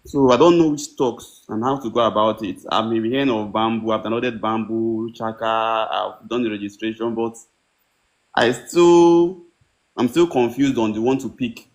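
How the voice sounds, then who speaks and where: A man's voice: on the low side, normal speed, poor audio. Male caller, hesitant and unsure, trails off mid-thought, asking an investment coach for help. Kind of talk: call-in question.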